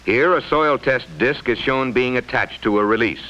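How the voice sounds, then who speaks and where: A man of medium pitch reads scripted narration for a mid-century educational film, formal, measured, and explanatory. The vintage soundtrack is lo-fi.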